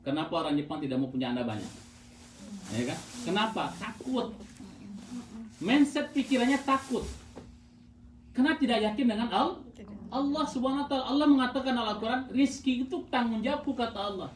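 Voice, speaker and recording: A woman giving an informal religious talk to mothers, lively and laughing, often asking her listeners questions. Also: a little high, a little fast, long pauses, a little hiss or hum. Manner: lively, asks the audience often, frequent laughs. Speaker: religious speaker. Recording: echoey room, voice from far off, crowd behind.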